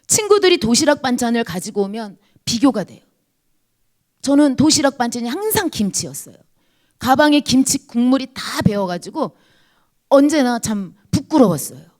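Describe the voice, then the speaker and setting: A woman, a pastor's wife, giving an earnest, confessional testimony to a church congregation. She speaks to the listeners directly and sometimes drops to a hushed whisper. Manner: earnest confessional storytelling, dropping to a hushed whisper at low points.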